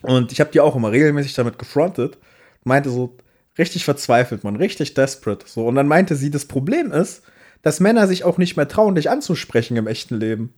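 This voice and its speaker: A young man co-hosting a podcast in casual slangy chat, ranting with quick asides. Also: a little high, animated, a little mellow. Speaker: podcast co-host and streamer.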